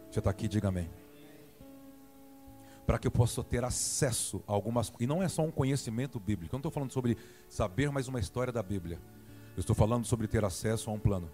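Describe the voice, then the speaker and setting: A man with a Brazilian Portuguese accent preaching a sermon, acting out dialogue and prodding the congregation. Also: mid-range voice. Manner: animated, acts out dialogue and prods the congregation.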